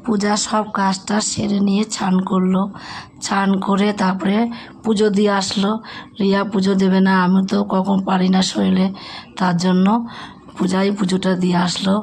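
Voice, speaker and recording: A woman narrating a casual home vlog in a Bengali accent, chatting to her viewers as friends and speaking softly because she is unwell. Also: medium pitch, level tone, measured pace, vocal fry, slight background noise. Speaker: vlogger. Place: home indoors.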